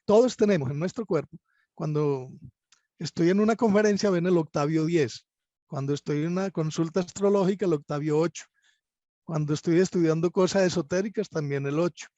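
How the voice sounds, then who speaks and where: A man from Colombia with a Colombian accent, a guest astrologer explaining at length in an interview, measured and lecturing with halting restarts. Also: fairly high pitch, dark tone, no room sound, highs cut off. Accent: Colombian Spanish.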